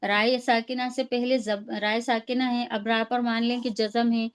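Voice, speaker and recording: A woman's voice: on the high side, little pitch movement, clean tone, low-quality recording. A woman teaching a Quran reading lesson over a video call. She explains step by step and keeps checking that her student understands.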